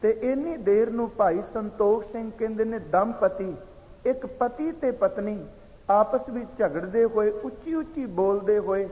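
A man giving a slow, measured sermon that explains recited verses, heard as tinny sound in a reverberant hall. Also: sits high. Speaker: preacher. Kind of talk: katha sermon.

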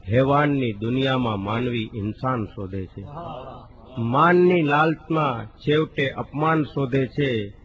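A man telling comic stories on stage, acting out the dialogue in quoted voices and slowing down to recite verse. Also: medium pitch. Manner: recites verse slowly with drawn-out emphasis. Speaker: stand-up comedian. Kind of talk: live comic storytelling in a regional dialect. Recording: dull lo-fi live recording with faint hiss.

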